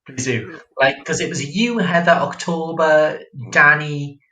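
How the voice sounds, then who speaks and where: Bright-voiced chatty male drag host. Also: a little high, measured pace. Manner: giggly, chatty, reads out viewer comments. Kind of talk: casual livestream chat. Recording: echoey room.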